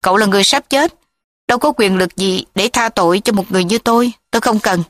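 A woman's voice: medium pitch, fast, a bit bright, no echo, lightly acted. A woman voicing a scornful, defiant young woman who faces execution.

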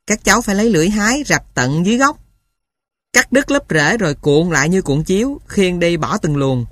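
Low-voiced woman narrating a story. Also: brisk, no echo. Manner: steady first-person storytelling with lively dialogue. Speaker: audiobook narrator.

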